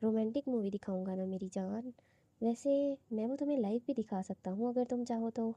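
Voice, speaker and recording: A woman's voice: fairly high pitch, mellow, no echo, dull audio, natural voice. A woman reading as a teasing young husband. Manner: coaxing, playful, lightly reading.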